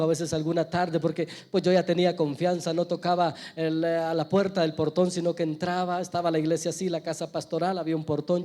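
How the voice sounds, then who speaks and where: A man preaching a sermon in a church, telling stories and swinging from loud urgency to a hush. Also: a little high. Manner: storytelling preacher, swells loud then drops to a hush. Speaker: pastor.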